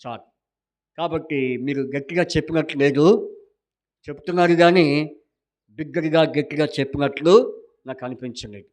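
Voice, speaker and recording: A man's voice: fairly high pitch, moderate pace, long pauses, darkish tone. A man preaching a Sunday sermon in a church hall, quizzing and teasing his congregation and leading them in call-and-response. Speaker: pastor.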